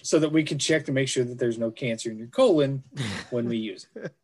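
A man's voice: mid-range voice, a little fast, a little mellow. A man in his forties, telling a story in a blunt, profane way during a casual podcast chat. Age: 40s. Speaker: podcast co-host.

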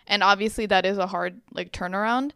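A woman's voice: mid-range voice, steady tone, fairly quick, fairly bright tone, clean tone, no room sound, studio quality. A young woman in her twenties co-hosting a podcast, talking casually with lots of filler words. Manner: chatty, many fillers. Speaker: podcast co-host. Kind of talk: casual chat.

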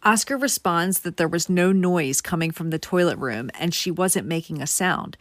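Woman telling a true crime story to her viewers, lowish voice, dry close sound. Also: normal speed, a bit bright, dry recording. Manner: conversational, addresses viewers directly. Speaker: true crime channel host. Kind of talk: casual true crime narration.

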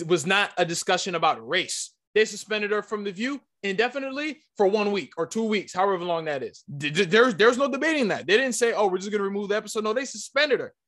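In a heated podcast debate, the male host speaks in a high, fairly bright voice. He presses his argument emphatically and insistently, repeating himself often.

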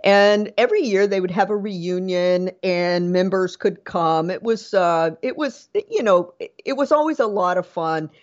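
A woman's voice: fairly low pitch, normal speed, hardly any pauses, highs cut off. A middle-aged woman, an author and professor, answering interview questions with many ums and restarts. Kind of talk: podcast interview.

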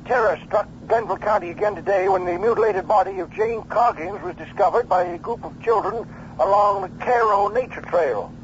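A man's voice: high voice, brisk. An actor playing a male county sheriff whose official bulletin comes over a car radio, cutting into the program. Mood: grave. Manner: official, announcer-like bulletin reading. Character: male county sheriff reading a special report. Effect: heard over a car radio, cutting into the program. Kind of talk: old-time radio drama acting. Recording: dull radio broadcast with faint hiss.

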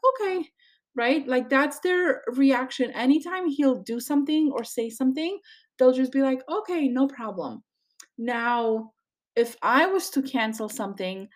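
Chatty mom with a slightly high voice. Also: female voice, a little mellow. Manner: chatty, many fillers and "right?" asides. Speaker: podcast host. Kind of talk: casual personal monologue.

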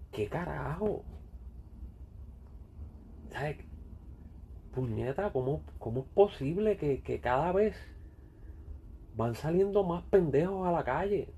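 A man with a Puerto Rican accent speaks slowly in a gravelly, dark voice. He rants bluntly and profanely and keeps circling back to the same point. A faint hiss of noise sits under the recording. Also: medium pitch, lo-fi sound. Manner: blunt, profane, repetitive ranting. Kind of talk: casual rant.

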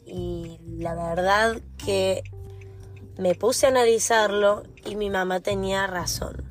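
A woman's voice: mid-range voice, fairly even intonation, takes it slowly, faint music behind. A woman in her twenties with a Rioplatense Spanish accent, hosting her own podcast and talking in a chatty, confiding way straight to the listener. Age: 20s. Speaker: podcast host. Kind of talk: personal podcast monologue.

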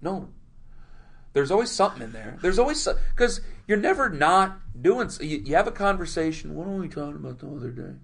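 A man, a sports radio host, telling stories in a loose, rambling way full of quick asides during a casual interview. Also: fairly high pitch, very animated, vocal fry, a bit bright, slightly rough. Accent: Ohio.

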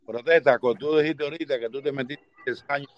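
A man's voice: mid-range voice, quick pace, dull audio, slight background noise. A man talking bluntly and stubbornly in a casual live debate.

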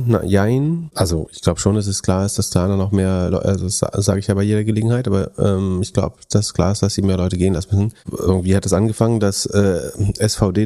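A man's voice: low-pitched, dark tone. A man co-hosting a podcast in a casual chat, working through figures analytically and thinking aloud. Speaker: podcast co-host.

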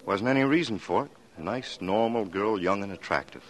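An actor playing a tired police detective in a 1940s radio drama, laying out the facts in a plain, matter-of-fact way. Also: male voice, on the low side, animated, fairly quick, close to an everyday voice. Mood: weary.

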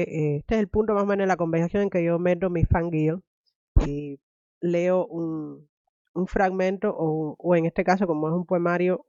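A young woman from Cuba hosts an interview in a thoughtful, unhurried way, full of "eh" fillers and restarts. Her voice is dark and mellow, recorded dry and close. The sound is dull and lo-fi. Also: lowish voice, no echo. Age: young adult. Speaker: podcast host, academic. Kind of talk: conversational interview, then reading a poem aloud.

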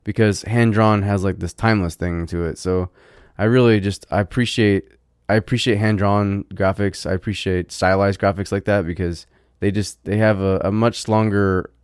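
A man's voice: on the low side, fairly even intonation, normal speed, smooth, no room sound, studio quality. A man co-hosting a podcast, chatting casually with many fillers and restarts. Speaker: podcast co-host. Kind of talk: casual chat.

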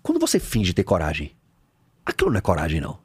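A man with a Brazilian Portuguese accent, a coach chatting on a podcast, animated and slangy, acting out little scenes. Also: sits low, quick pace, breathy edge. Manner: animated, acts out scenes with shouted quotes, slangy. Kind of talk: casual podcast conversation.

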